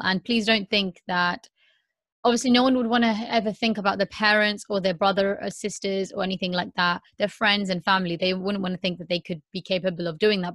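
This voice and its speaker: A woman's voice: mid-range voice, fairly bright tone, no echo, clean studio sound. A woman in her thirties hosting a candid podcast, talking earnestly with many repeats and "um"s. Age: 30s. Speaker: podcast host.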